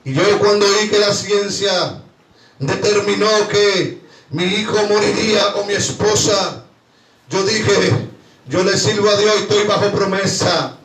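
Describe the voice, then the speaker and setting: A man preaching a fervent sermon as pastor, rising to shouts at times. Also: high voice, unhurried. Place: church hall. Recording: echoey church hall from far off.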